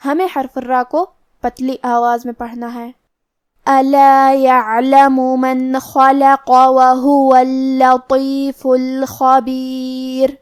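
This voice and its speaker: Woman teaching quran recitation, high voice, goes letter by letter very methodically. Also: a little mellow, no echo, studio quality. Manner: methodical, step-by-step explanation of each letter and rule. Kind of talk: tajweed lesson explaining pronunciation rules.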